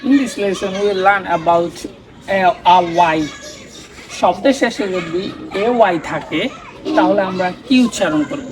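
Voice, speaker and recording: Slow-drilling woman pronunciation teacher. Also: on the low side. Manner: repeats words slowly for drilling; mixes Bengali with English phrases. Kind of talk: video lesson.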